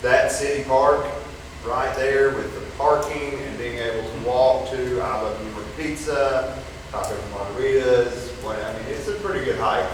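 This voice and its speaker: A man's voice: mid-range voice, steady tone, moderate pace. A man talking informally in a public meeting discussion. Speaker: local board member at a public meeting. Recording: echoey room, distant mic, background noise.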